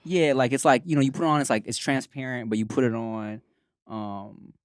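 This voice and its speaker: A man's voice: mid-range voice, steady tone, a little fast, no room sound, clean studio sound. A man with a Los Angeles accent hosting a casual, slangy podcast chat. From Los Angeles, USA. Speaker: podcast host.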